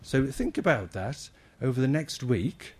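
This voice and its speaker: A man giving a lively children's talk in church, acting out his points with big shouts and questions. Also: medium pitch, unhurried, slight background noise. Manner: animated, acts out shouting for help.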